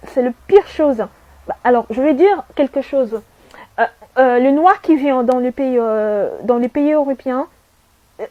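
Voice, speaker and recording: A young Saudi woman shares a sincere personal testimony as a vlogger, her voice high and soft. She drives her points home earnestly and emphatically, repeating herself and posing rhetorical questions. The recording is dry and somewhat dull, with a lo-fi quality.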